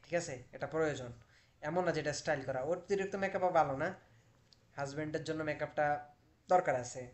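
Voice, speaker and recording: A man's voice: fairly high pitch, fast. A man teaching an online language class, drilling verb forms aloud and asking rhetorical questions as he explains.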